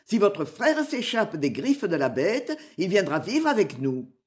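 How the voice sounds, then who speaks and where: A woman's voice: medium pitch, very animated, measured pace, darkish tone. A woman reading aloud voices a fierce, mocking male outlaw who boasts and threatens. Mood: menacing.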